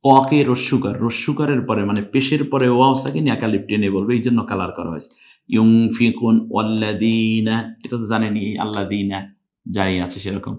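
A man teaching Quran recitation rules in Bengali-accented speech, explaining slowly and then chanting verses in long, louder phrases. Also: lowish voice. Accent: Bangladeshi Bengali. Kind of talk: step-by-step recitation lesson.

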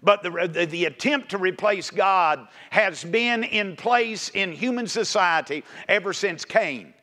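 A male preacher delivers a folksy sermon. His voice sits high and rings bright and forceful, and he swings into emphatic exhortation. He is speaking in a church sanctuary with hardly anyone in the pews. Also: lively intonation, unhurried. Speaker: pastor. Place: church sanctuary, nearly empty.

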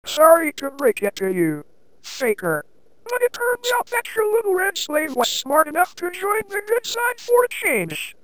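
A woman's voice: very high-pitched, big pitch swings, a little slow, no echo, exaggerated voice, rough recording. A woman voicing a cocky, brash hero who taunts the villain in a fan audio drama. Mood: taunting. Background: loud music.

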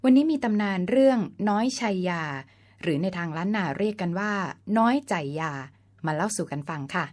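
A woman's voice: mid-range voice, lively intonation, brisk, a little mellow. A woman hosting a folk-tale channel, narrating a scripted story in a polite, explanatory way and sometimes spelling out words letter by letter. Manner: polite, explanatory, ends phrases with the particle ka.

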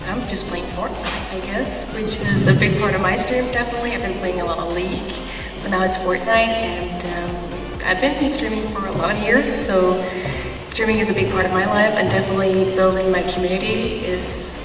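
A woman's voice: mid-range voice, fairly even intonation, brisk, music in the background. A woman from Denmark, a streamer, talking on a convention panel in a friendly, hesitant way. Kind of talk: panel talk. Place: large convention hall stage. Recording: echoey hall from far off.

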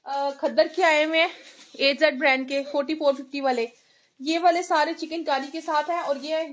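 A woman from Lahore with a Pakistani Urdu accent, talking through a live online clothing sale in a brisk, chatty patter, reeling off sizes and prices. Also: high-pitched. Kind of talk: live-stream sales patter.

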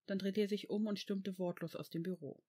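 A narrator reading fan fiction aloud in a steady storytelling manner. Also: medium pitch, fairly quick.

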